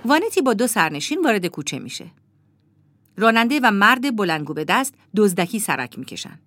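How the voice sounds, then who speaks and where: A woman giving plain, even audio-description narration for a film. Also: mid-range voice, no room sound.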